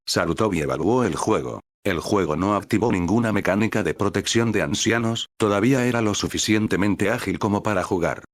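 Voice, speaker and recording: A man narrates a serialized story with a steady, even reading. His voice is very low and the sound is dry and close to the mic. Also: no echo.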